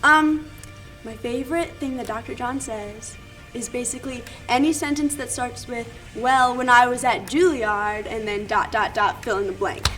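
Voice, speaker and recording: A bubbly, apologetic woman with a high voice gives a casual tribute. She is heard from a distance, with music playing faintly behind. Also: moderate pace, a bit bright.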